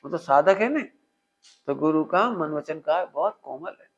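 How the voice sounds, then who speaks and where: A man with a high voice delivers a spiritual discourse to an audience, animated and full of household examples. He keeps stopping to quiz his listeners and have them repeat the point back. The recording sounds dull and lo-fi. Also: unhurried. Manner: quizzes listeners with call-and-response questions. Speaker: religious teacher.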